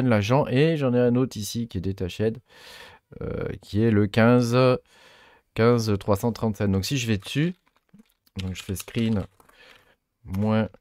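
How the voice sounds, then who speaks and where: Fairly low-voiced man for a tech walkthrough: halting, filler-heavy, chatty, dry close sound. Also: no echo. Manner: hesitant, many fillers and restarts; chatty, self-mocking asides. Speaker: tech tutorial host. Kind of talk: casual screen-recorded tutorial.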